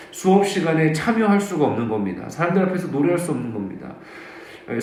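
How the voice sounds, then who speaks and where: 교회 예배당에 울리는 남성 목사의 간증 설교. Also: male voice, medium pitch. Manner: storytelling, acts out quoted voices. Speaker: pastor. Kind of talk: sermon with personal testimony. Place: church sanctuary. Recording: very echoey church hall.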